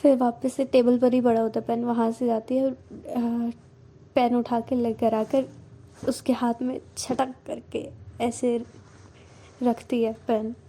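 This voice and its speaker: A woman's voice: a little high, flat delivery, a little slow, mellow. A woman narrating a romance story in a casual, chatty way, explaining scenes as she goes.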